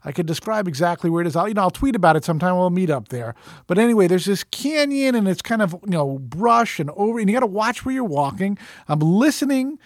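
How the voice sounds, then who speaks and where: A man with a fairly high voice for his sex rambles through a story on his podcast. He talks in a loose, animated way, swears without a second thought and acts out his own thoughts as he goes. The recording is dry and close, with no room sound. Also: fast, dry recording. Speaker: podcast host. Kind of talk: casual storytelling monologue.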